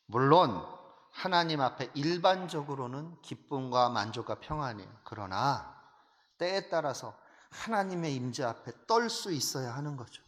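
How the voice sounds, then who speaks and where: A male pastor preaching an animated sermon, full of rhetorical questions and emphatic repetition. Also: medium pitch, normal speed. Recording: long hall reverb.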